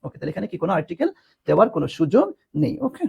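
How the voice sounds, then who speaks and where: A man's voice: sits high, rapid-fire, gravelly, husky. A man teaching a live online class, repeating words and quizzing students. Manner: animated, repeats words, asks students questions.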